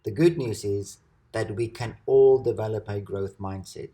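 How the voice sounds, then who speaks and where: A man with a lowish voice reads an educational presentation in a steady, measured way. His delivery is calm and scripted, like a narrated lesson.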